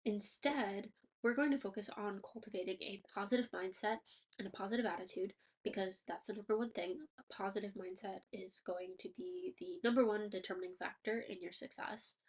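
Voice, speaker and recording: Poor audio captures a husky, medium-pitched woman speaking fairly quickly in a steady tone. She's reading a scripted personal finance podcast monologue, upbeat and motivational with casual fillers, sounding slightly nasal and stuffy from allergies.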